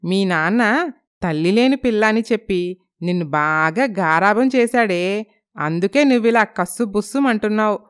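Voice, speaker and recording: A woman's voice: mid-range voice, moderate pace, smooth, close to an everyday voice. A woman playing a teasing old grandmother. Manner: scolding, teasing, affectionate.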